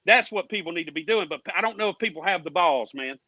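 This American man, appearing as a guest on a racing fan show, delivers a fast, folksy tirade full of "ain't," "y'all," and cursing, sounding combative and indignant. His voice sits high with lively intonation. There's no echo, though the recording is dull.

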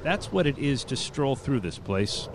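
A male news correspondent narrating a radio report in a measured, deliberate way. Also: mid-range voice, very animated. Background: outdoor traffic and planes.

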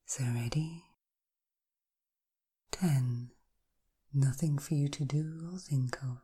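Guiding a hypnosis session, this woman speaks with a very deep, husky voice of dark tone. She keeps it soft, half-whispering her suggestions slowly and repeating them.

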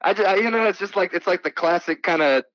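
A man's voice: sits high, quick pace, a bit bright, dry recording. Laid-back male caller on a dull line. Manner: laid-back, laughing, swears freely. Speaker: caller, quiz contestant. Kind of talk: casual chat.

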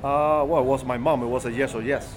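Cuban-accented man, halting, restarts phrases, guest interview, loud crowd chatter behind. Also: mid-range voice, steady tone. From Cuba. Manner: halting, rephrasing often. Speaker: guest, cigar maker. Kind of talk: casual interview. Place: cigar bar. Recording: busy bar crowd behind.

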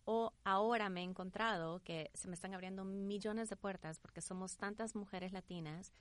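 A woman answering as an interview guest, informal and animated, restarting her thoughts and acting out little quotes of herself. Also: mid-range voice, moderate pace, no room sound. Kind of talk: conversational interview.

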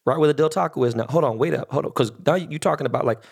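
A man, hosting a casual podcast interview in a profane, excitable way. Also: mid-range voice, racing, vocal fry, breathy edge. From Los Angeles. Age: 40s. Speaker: podcast host.

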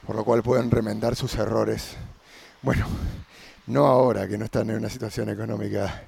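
A man with an Argentine accent, hosting a podcast as a casual monologue while riding a bicycle outdoors, thinking aloud with pauses mid-phrase. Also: lowish voice, little pitch movement, gravelly, darkish tone, breathy edge. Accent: Argentine Spanish. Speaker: podcast host.

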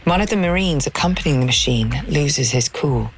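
A woman's voice: low voice, animated, normal speed, background noise. A woman reading scripted suspense documentary narration as a podcast host. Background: faint music.

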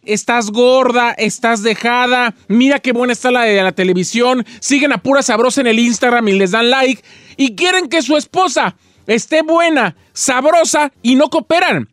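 A man's voice: extremely high pitch, moderate pace, fairly bright tone, dry recording. A man, the show's producer, making his point earnestly and deferentially in a radio studio. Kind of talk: casual studio banter.

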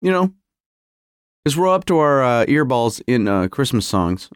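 A cold podcast host sits in his home garage for a casual solo episode, rambling wryly and repeatedly cutting himself off. His mid-range voice is very animated but measured in pace, and the sound is studio quality with no room sound.

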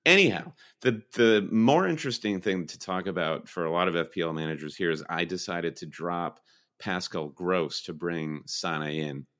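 Very deep-voiced man, chatty football podcaster. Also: normal speed. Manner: rambling, animated storytelling with put-on voices. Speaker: podcast co-host. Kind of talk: casual fantasy football chat.

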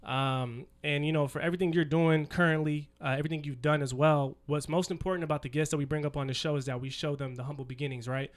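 Male host, higher and quick, easygoing interviewer with lots of shout-outs. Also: fairly even intonation. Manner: laid-back, hype-man interjections. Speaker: podcast host. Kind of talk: casual podcast chat.

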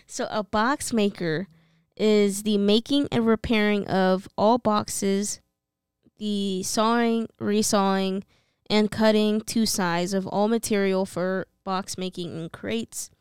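Very clear, smooth-voiced woman podcaster. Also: medium pitch, fairly even intonation, takes it slowly, darkish tone, no room sound, clean studio sound. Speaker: podcast co-host. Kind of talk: casual chat, reacting and reading aloud.

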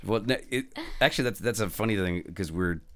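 A man's voice: on the low side, fairly quick, fairly bright tone, clear, resonant tone. A man hosting a casual music podcast, joking and rambling with frequent restarts. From California. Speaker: host. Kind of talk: casual chat.

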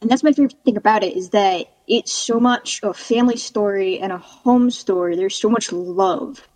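A woman's voice: medium pitch, moderate pace, a little mellow, poor audio. A woman guest on a casual podcast, talking as an enthusiastic fan.

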